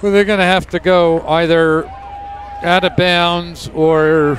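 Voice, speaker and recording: A man giving live commentary on a high school football game in an easygoing, laid-back way. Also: level tone, slow, a little hiss or hum. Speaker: color commentator.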